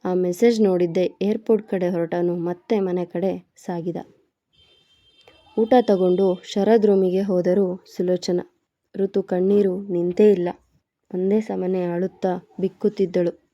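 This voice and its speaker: A woman storyteller reading a romance serial aloud in a steady, expressive way. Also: lowish voice, measured pace, no room sound. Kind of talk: scripted story narration. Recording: dull, dry, lo-fi recording.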